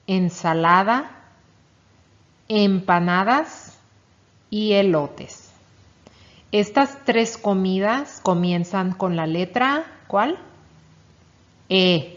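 Slow, patient woman teaching children. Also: mid-range voice. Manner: patient, encouraging, asks and praises. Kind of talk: children's reading lesson. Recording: dull lo-fi recording.

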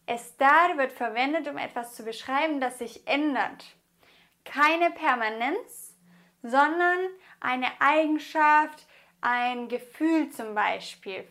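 A woman from Germany teaches a grammar lesson with a high voice. She speaks slowly and enunciates each word with care, like a patient teacher. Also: fairly bright tone. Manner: slow, carefully enunciated explaining. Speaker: Spanish teacher.

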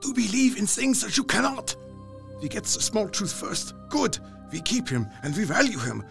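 A man playing a grave, earnest older professor and vampire hunter in an audio drama, with creaky voice, quaint foreign phrasing and dramatic delivery. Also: high-pitched, big pitch swings, moderate pace, a bit bright, soft background music, full character voice. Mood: lecturing.

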